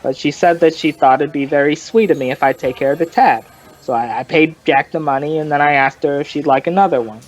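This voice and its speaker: In the manner of a vintage radio crime show, an actor voices a rambling, down-home informant who draws his tale out in everyday speech. The voice is natural and on the high side, with a rough recording.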